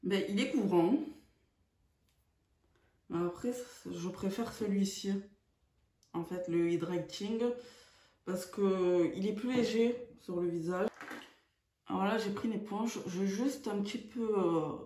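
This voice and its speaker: A woman talks through a makeup tutorial at an unhurried pace, hesitating often with fillers. Her voice sits in a middle range and bounces around an echoey room. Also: medium pitch, warm tone. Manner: hesitant, many fillers, slow and chatty. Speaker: beauty vlogger.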